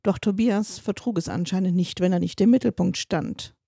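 A woman's voice: mid-range voice, moderate pace, gravelly, warm tone, husky, no echo. A woman reading a darkly comic story aloud, in a dry, wry storytelling manner. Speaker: narrator.

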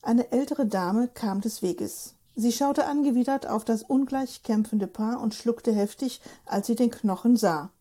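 A woman narrating a story aloud in a lively, expressive reading. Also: on the high side, a little slow, hardly any pauses. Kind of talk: audiobook narration.

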